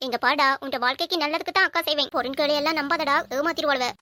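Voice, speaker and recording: A woman's voice: sits high, racing, sharp tone, faint music behind. A young woman in a comedy skit, chattering and teasing like gossiping friends. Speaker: skit performer.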